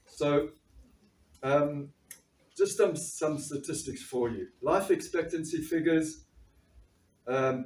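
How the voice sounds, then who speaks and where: A man in his sixties from South Africa, a doctor and panel speaker, talks earnestly with a mid-range, darkish voice while reading figures from notes and repeatedly restarting. He stands before a panel table in a bright meeting room. A far-off camera records the echoey room, with slight background noise.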